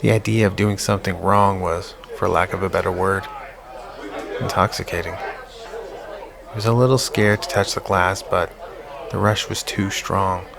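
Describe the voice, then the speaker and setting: A man tells a psychological horror story in a measured, unhurried way. His voice sits low and gravelly. A crowd murmurs behind him. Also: steady tone. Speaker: audiobook narrator. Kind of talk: scripted horror audiobook narration.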